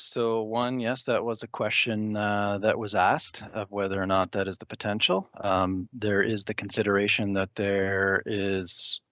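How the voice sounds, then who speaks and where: A man on municipal planning staff answering council questions in a measured, hedging way, with many fillers. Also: fairly low pitch, a bit bright, no room sound. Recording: dull dry online audio.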